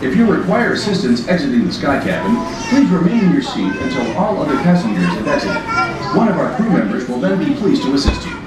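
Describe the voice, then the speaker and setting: A ride announcer giving a polished, formal scripted announcement. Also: female voice, low-pitched, huge pitch swings, a little fast, distant mic, noisy background. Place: amusement park ride cabin. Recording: echoey public speaker over crowd.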